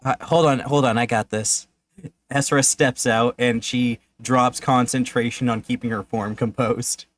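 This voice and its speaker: A man's voice: mid-range voice, steady tone, a bit bright. A man playing a tabletop game, describing his character's actions in casual, hesitant speech. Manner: hesitant, halting. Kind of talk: casual role-play chat.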